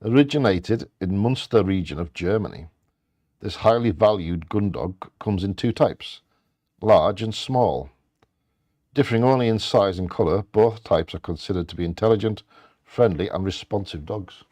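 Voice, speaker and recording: A man's voice: fairly low pitch, lively intonation, normal speed, a little mellow, dry recording. A man co-hosting a live bingo game, reading out short facts alongside casual asides.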